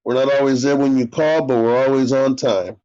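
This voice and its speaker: A man's voice: medium pitch, fairly even intonation, brisk, mellow. A man co-hosting a live sports stream, with a mid-range voice and a sarcastic, joking manner. The audio is dull and lo-fi, as from a computer mic on a stream. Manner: joking, sarcastic, talks to the chat. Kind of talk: casual live-stream chat.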